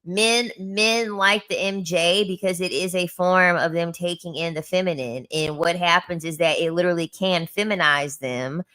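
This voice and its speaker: A woman's voice: fairly low pitch, moderate pace, few pauses, a bit bright. A woman chatting casually as host, telling stories from her day in a gossipy, laughing way. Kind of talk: casual livestream chat.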